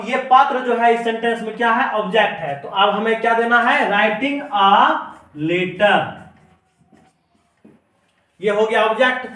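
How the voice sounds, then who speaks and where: Male teacher, high voice, patient stepwise grammar lesson, distant mic in a roomy space. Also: a bit bright. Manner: slow, repeats each word while writing. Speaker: English teacher. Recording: echoey room, mic at a distance.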